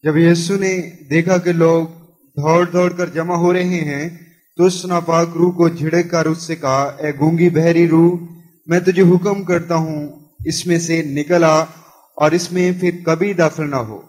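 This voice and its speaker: A man reading scripture aloud in a steady, measured way during a sermon. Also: fairly high pitch, poor audio. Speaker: scripture reader.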